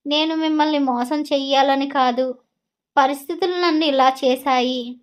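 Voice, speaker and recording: A woman's voice: high-pitched, fairly even intonation, normal speed, close to an everyday voice. A woman voicing a young bride who pleads while crying in a story reading. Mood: pleading. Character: young bride, tearful and desperate.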